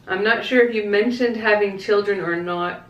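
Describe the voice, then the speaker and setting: A woman's voice: medium pitch, moderate pace. A woman vlogger chatting casually to camera and answering viewer questions in a candid, reflective, conversational way. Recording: echoey, roomy sound.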